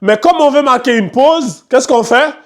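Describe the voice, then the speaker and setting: Guy teaching quran recitation to a class, high voice, repeats stuff a lot, tells the kids to shut up. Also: normal speed. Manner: firm, scolds chatty students and asks the class questions; explains patiently with many repetitions. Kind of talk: classroom tajwid lesson.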